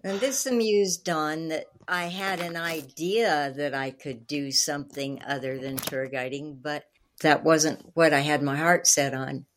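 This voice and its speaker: A woman's voice: low-pitched, unhurried, a little hiss or hum. An older woman, a guest in an interview, telling anecdotes enthusiastically, laughing often and acting out quoted dialogue. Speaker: interview guest, former tour guide. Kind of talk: anecdotal storytelling.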